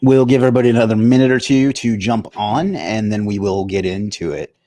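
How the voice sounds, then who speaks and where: Male livestream host, low-pitched, quick and chatty, upbeat with light jokes. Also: dark tone. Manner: upbeat, joking, with fillers. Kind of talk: casual livestream chat.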